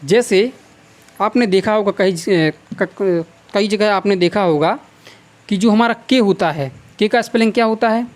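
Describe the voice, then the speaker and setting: A male teacher giving a Hindi grammar lesson with a North Indian accent. He asks the class questions, answers them himself and repeats each sound slowly for drill. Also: high voice. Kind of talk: classroom lecture.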